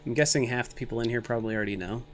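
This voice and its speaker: A man in his thirties races along in a steady, medium-pitched voice, with a little hiss or hum in the recording. Streaming a game, he chats with viewers in a rambling, self-mocking, jokey way, tired and a bit loopy from too little sleep and too much caffeine.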